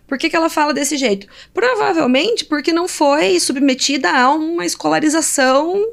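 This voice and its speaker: Brazilian woman, high voice, engaged academic guest, rhetorical and animated. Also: moderate pace, creaky. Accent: Brazilian Portuguese. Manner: animated, poses rhetorical questions, many fillers. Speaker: linguist guest. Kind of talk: conversational interview answers.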